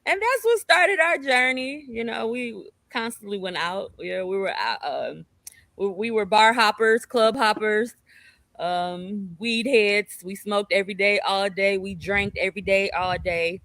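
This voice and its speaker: A woman with a bright, forward voice tells a personal story in a relaxed conversation. She is lively and expressive, and she acts out what people said as she talks. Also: mid-range voice, unhurried, no room sound. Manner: expressive, animated storyteller who acts out quotes. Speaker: guest sharing her family story.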